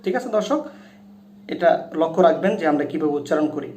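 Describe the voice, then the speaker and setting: A man teaching Quran recitation and pronunciation, explaining to viewers and then chanting each word of the verse slowly and loudly. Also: a little high, lively intonation, reverberant. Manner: addresses viewers directly and repeatedly. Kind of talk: tutorial on Quran pronunciation and tajweed.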